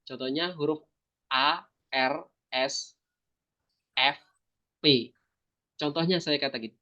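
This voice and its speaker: A man's voice: slow pace, bright, forceful tone. Male speaking coach, East Javanese accent, models intonation aloud, dull recording. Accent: Indonesian, East Javanese. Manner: demonstrative, shifts pitch and stress to model intonation. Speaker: public speaking trainer. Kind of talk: workshop lesson with participants.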